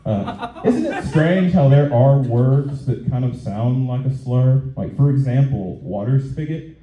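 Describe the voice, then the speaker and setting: A man doing stand-up on stage at an open mic, talking in a halting, conversational way and repeating his phrases. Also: mid-range voice, expressive, crowd noise. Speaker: stand-up comedian. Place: live comedy venue on stage. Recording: echoey room, dull muffled sound.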